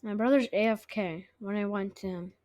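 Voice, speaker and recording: A woman's voice: medium pitch, normal speed, a little mellow. A woman hosting her own gaming channel, chatting to viewers as she plays and asking them to subscribe. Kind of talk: casual let's-play commentary. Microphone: own microphone.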